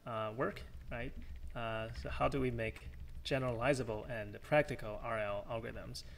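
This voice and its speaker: A man with a tired voice, answering audience questions after an academic talk, halting and thinking aloud. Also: mid-range voice, fairly even intonation, creaky, slight background noise. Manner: halting, restarts often with fillers. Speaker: guest speaker.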